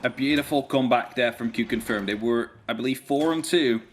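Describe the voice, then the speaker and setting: A man with a mid-range voice and a brisk pace, not a native English speaker, delivers live esports play-by-play along with casual commentary.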